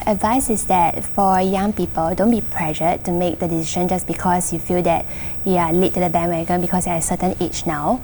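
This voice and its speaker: A woman's voice: lowish voice, darkish tone, a little hiss or hum. A woman with a Singaporean accent talking casually and earnestly on a panel, explaining things at length. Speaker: guest sharing personal experience.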